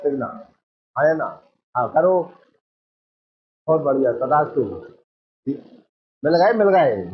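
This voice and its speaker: A man teaching a coaching class, quizzing his students again and again as he explains. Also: mid-range voice. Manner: drills the class with repeated questions. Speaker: Hindi teacher. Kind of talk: exam coaching lecture. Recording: tinny phone-like sound.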